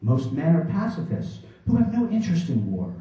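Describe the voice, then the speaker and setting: A poet reads on stage in a small New York theater before a laughing audience, delivering his verse in a declamatory, mock-serious way. His fairly high, warm voice swings hugely in pitch at a slightly fast pace. The distant, dull microphone picks up a very echoey hall, as if recorded from the seats.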